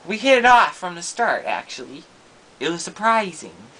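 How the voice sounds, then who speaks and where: A man's voice: high voice, very animated, moderate pace, sharp tone, slight background noise, heavily acted, poor audio. A man playing a shy, insecure schoolboy with no friends in an improvised comedy monologue, talking in a hesitant, rambling way full of ums and restarts. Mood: sheepish.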